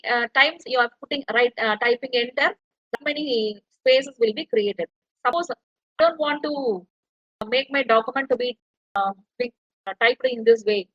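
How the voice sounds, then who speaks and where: Bright woman lecturer. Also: fairly high pitch, dry recording, lo-fi sound. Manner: explains step by step while typing. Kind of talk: online tutorial walkthrough.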